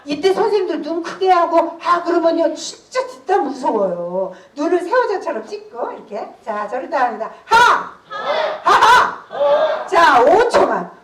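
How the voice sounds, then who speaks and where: A woman in her sixties giving a laughter therapy lecture, animated, breaking into loud laughs and shouts as she leads the group. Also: high-pitched, normal speed, hardly any pauses, a faint crowd, a little hiss or hum. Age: 60s. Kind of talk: workshop lecture with call-and-response. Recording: roomy hall, voice from a distance.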